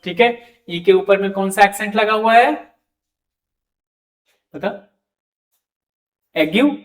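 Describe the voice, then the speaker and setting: Man, high voice, French teacher, online lesson, drills words one by one. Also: roomy sound. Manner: repeats words slowly, frequent "ठीक है".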